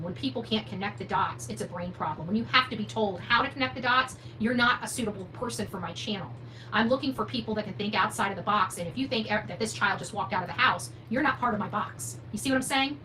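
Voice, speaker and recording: In a mid-range, sharp voice, a woman hosts a true crime livestream and fires back at viewer comments off the cuff, blunt, opinionated and emphatic, with rhetorical questions. The low-quality recording has noticeable background noise and hum.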